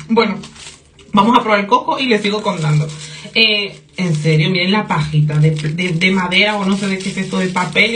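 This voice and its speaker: A woman's voice: medium pitch, a bit bright. Giggly young woman vlogger. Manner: giggly, gossipy, swears freely, slips in English phrases. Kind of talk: casual storytime vlog.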